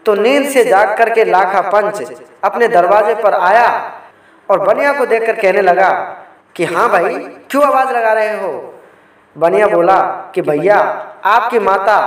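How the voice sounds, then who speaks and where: A man narrating a folk tale as a storyteller, often calling out to his listeners and stopping to explain customs along the way. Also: high voice. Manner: keeps addressing listeners while narrating. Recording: very echoey, from far off the mic.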